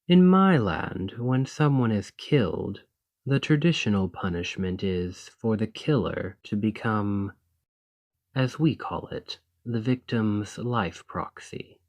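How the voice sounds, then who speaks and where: In a scripted fantasy ASMR roleplay monologue, a man plays an ambitious foreign noble who is formal, composed, courteous and persuasive. His voice runs on the low side and sounds darkish, expressive and exaggerated. He speaks in a measured, deliberate way with a condescending sympathy, and his mood stays formal and coolly persuasive.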